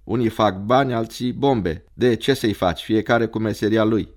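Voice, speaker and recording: A man voicing a hoarse, chatty male devil who works as a weary clerk, grumbling and belching in folksy talk. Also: on the low side, natural voice. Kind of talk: audiobook character voice.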